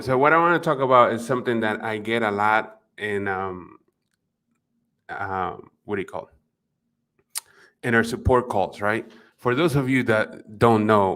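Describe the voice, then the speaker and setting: A man with a Spanish accent hosts a live online coaching session from his office, speaking into a desk mic. His voice sits a little low, and he talks casually, greets viewers by name and leans on fillers as he goes. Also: fairly bright tone. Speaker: livestream host and marketing coach. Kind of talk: live webinar, casual chat. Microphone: desk microphone at computer.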